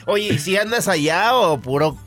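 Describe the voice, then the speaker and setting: A male co-host who keeps chiming in with quick, jokey asides in a comedy sports chat. His voice is high, and faint music plays under it. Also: expressive, fairly bright tone.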